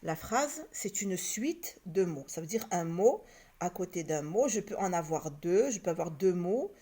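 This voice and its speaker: A woman teaching a reading lesson to children, slow and patient, repeating each point and sounding out letters and syllables. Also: on the low side, expressive, warm tone.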